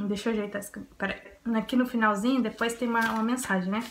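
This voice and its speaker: A woman's voice: fairly high pitch, fairly even intonation, quick pace, slight background noise. A young woman from Brazil chatting casually at home in a vlog, bubbly and giggly, easily embarrassed. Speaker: vlogger. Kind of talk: casual chat. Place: home, indoors by a window.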